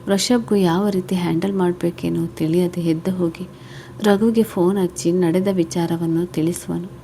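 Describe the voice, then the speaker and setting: A woman storyteller narrating a scripted family story in a steady, plain manner. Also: on the low side, normal speed, slight background noise.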